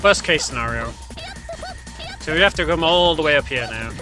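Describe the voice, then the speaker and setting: With game music and sounds behind him, a speedrunner talks through his gameplay in a casual, somewhat hesitant way, often fixing what he just said. His voice is a little high and animated, at a moderate pace.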